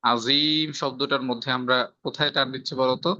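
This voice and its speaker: Male Bangladeshi recitation teacher, very bright tone, patient step-by-step explainer who quizzes the student; dry, slightly muffled recording. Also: medium pitch, fairly even intonation, a little fast, no echo. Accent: Bangladeshi Bengali. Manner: explains step by step, checks for understanding with rhetorical questions. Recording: slightly dull, dry lo-fi sound.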